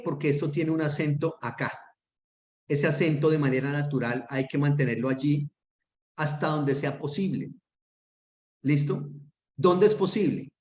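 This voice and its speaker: A man leads a grammar lesson in a patient, methodical way, pausing often to check that everyone follows. His voice sits at an ordinary pitch. The room adds a noticeable echo. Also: darkish tone. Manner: patient, checks understanding with frequent "¿listo?". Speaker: Hebrew grammar teacher.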